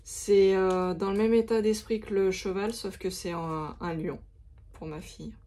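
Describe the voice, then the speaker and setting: Background noise accompanies a woman vlogger walking through her craft stock in a relaxed show-and-tell. Her mid-range voice stays steady at a measured pace, and her chatter is hesitant and full of fillers.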